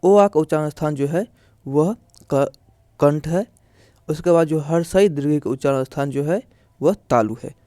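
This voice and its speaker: A man's voice: fairly high pitch, normal speed, dark tone, dry recording, studio quality. A man teaching a grammar lesson, explaining step by step in a repetitive way, often asking and answering his own questions. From India.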